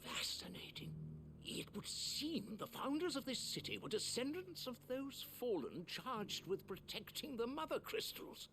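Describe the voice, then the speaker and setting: An actor playing a fussy, curious old male scholar in a video game, speaking with an eager, breathy voice. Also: very high-pitched, big pitch swings, unhurried, over music, heavily acted. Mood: scholarly, eager. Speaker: game character. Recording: game audio with background noise.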